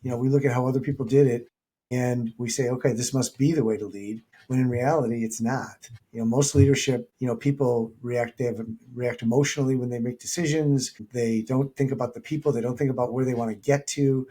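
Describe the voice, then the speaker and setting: Mellow husky male leadership coach. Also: mid-range voice, fairly quick. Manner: animated, acts out quoted dialogue in anecdotes. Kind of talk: conversational interview storytelling.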